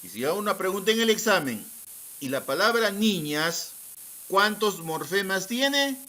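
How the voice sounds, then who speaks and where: A male secondary school language teacher with a high, sing-song, bright and forceful voice teaches a class at a moderate pace. He calls on students by name, repeats their answers, and poses rhetorical questions as if in their voice.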